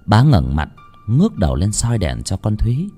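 A man's voice: fairly low pitch, huge pitch swings, normal speed, dark tone. Theatrical male horror storyteller. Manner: theatrical, suspenseful. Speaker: narrator. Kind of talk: dramatic horror story narration. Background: faint music.

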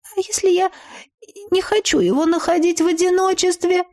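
A woman's voice: very high voice, fairly even intonation, moderate pace, darkish tone, dry recording, studio quality, pitched above the performer's own voice. A woman voicing a timid, nervous young witch girl in an audiobook, with a trembling, pleading voice. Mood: frightened. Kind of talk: audiobook character voice.

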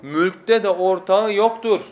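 A man preaching from a pulpit microphone, teaching with passion and moving from hushed tones to emphatic oaths, with quick scriptural recitation. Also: high-pitched, dull audio, noisy background. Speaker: preacher teaching a lesson series. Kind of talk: sermon lecture.

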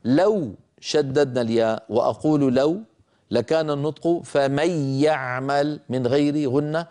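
A middle-aged man teaches the rules of Quran recitation in an unhurried, patient way, with a mellow, soft tone. He stops often to draw out the example words in a slow chant, then goes back to calm explanation. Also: on the high side.

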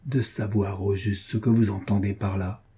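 An indignant, heartbroken woman pleads and reproaches her lover in impassioned bursts, as a male audiobook reader voices her. The tone is deep and mellow with a husky grain. It is a classic storybook read aloud. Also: moderate pace, natural voice. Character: wounded, furious woman confronting her lover. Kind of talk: audiobook reading of a classic novel.

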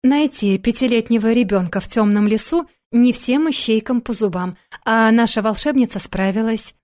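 A woman voicing a hot-tempered, stern man who is both a boss and a father, calling out loudly in an audiobook. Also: fairly high pitch, moderate pace, lightly acted. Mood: dry. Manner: loud shouting calls.

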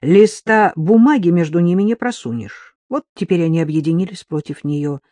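A woman narrating a novel in an expressive audiobook reading. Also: lowish voice, moderate pace, no echo.

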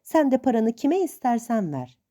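A proud young woman answers earnestly and defiantly in a slightly raised, lively voice, as a woman reader voices her. Her tone stays mellow. The recording is dull and lo-fi. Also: fairly high pitch, normal speed, voice pushed up.

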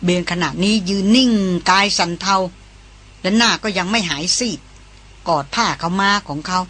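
Bright-voiced woman audiobook narrator. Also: fairly low pitch, moderate pace. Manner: steady, vivid storytelling. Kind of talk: scripted narration.

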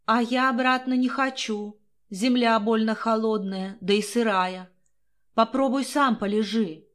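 A woman voicing the ghost of a dead young woman, slow, calm and coaxing. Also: a little high, lightly acted. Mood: stubborn.

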